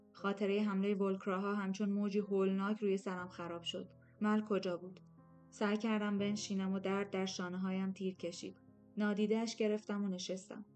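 Woman narrating an audiobook over faint music. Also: mid-range voice. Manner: measured, steady storytelling. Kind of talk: scripted first-person novel narration.

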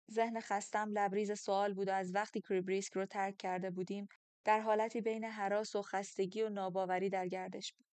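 A woman reads a first-person story aloud at a measured pace, her voice in a middle register. The sound is dry and close, with no room around it. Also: mid-range voice, a little mellow, no echo. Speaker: audiobook narrator. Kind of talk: first-person audiobook narration.

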